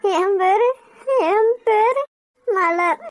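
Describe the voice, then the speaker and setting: A woman voicing a tearful melodramatic cartoon in one high, thin voice. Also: drawn-out words. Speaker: voice actor for all cartoon figures.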